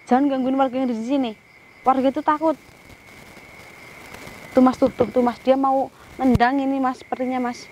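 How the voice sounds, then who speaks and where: A woman's voice: high voice, a little mellow, dull audio, a little hiss or hum. A woman vlogger hunting ghosts outdoors by a river. She directs her cameraman, recites Islamic prayers, and sternly orders a spirit to show itself and leave. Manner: some prayers muttered in a whisper. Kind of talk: paranormal summoning vlog.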